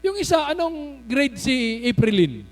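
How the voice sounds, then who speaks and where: Male pastor, very high voice, swooping lively delivery, shouts and laughs through his stories. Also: unhurried. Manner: animated, bursts into shouts and laughter while telling stories. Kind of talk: sermon.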